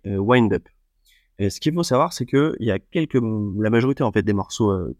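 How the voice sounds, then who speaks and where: A man's voice: lowish voice, a little mellow, no echo, clean studio sound. A man hosting a solo podcast, talking without a script and hesitating often, with many fillers and restarts. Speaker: podcast host. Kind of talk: unscripted solo podcast talk.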